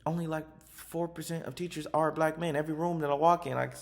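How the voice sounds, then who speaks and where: A man's voice: a little high, fairly even intonation, quick pace, gravelly. A man who works as a teacher, giving a passionate, emphatic spoken personal reflection.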